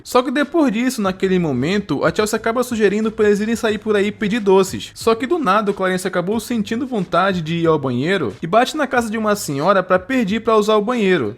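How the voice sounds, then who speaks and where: A man with a Brazilian accent narrating a casual recap commentary for an online video. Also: high-pitched.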